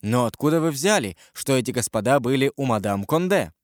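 A man playing a quiet, sly young king who answers in a calm, reserved way. The voice still moves with lively pitch. The storybook recording is dry and close. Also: fairly quick, no echo, natural voice. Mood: curious.

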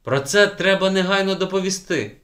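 A man voicing a stern, excitable old spinster schoolteacher who erupts in shocked outbursts in an audiobook. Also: medium pitch, moderate pace, close to an everyday voice. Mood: alarmed. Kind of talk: audiobook character voice.

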